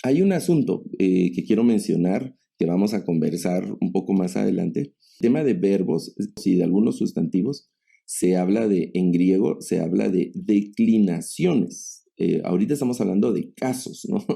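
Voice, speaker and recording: Deep gravelly-voiced man teaching. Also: lively intonation, normal speed, mellow. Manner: patient, explanatory, addresses students. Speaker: Greek teacher. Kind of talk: online class lecture.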